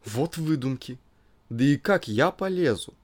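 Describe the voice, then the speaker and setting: A man's voice: lively intonation, a little slow, a little mellow. A man voicing a capricious young wife in an audiobook reading, pouting and exclamatory in a raised voice. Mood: indignant. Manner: pouting, high-pitched and exclamatory.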